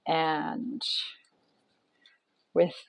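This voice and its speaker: A woman's voice: drawn-out words, no echo, dull audio. A woman reading tarot cards aloud in a casual, chatty way, thinking aloud with many ums and restarts. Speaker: tarot reader.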